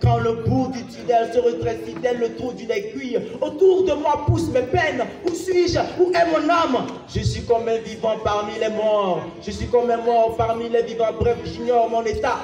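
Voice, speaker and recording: On a live festival stage, a male slam poet delivers theatrical verse at normal speed with few pauses, his voice very high and a little mellow. He is declamatory, intense and anguished, repeating lines insistently. Flute music plays as a distant mic picks up the echoey space.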